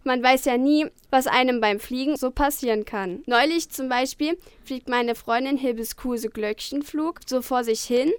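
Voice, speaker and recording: A woman voicing a tiny, touchy fairy girl who chatters in a high, indignant way and is quick to sulk. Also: clear, resonant tone, dry recording, lightly acted. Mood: explaining.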